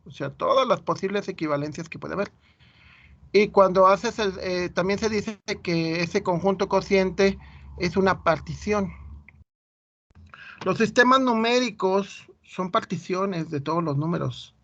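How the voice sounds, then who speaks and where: A man's voice: high-pitched, a little slow, a bit bright, highs cut off. A Mexican man with a Mexican Spanish accent giving an informal math lecture, chatty and full of anecdotes. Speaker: teacher.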